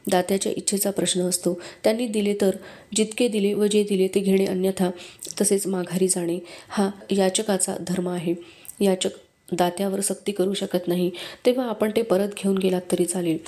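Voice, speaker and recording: A woman voicing a calm, wise young boy who begs for alms, speaking gently and slowly. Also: mid-range voice, natural voice. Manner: slow, measured, gentle.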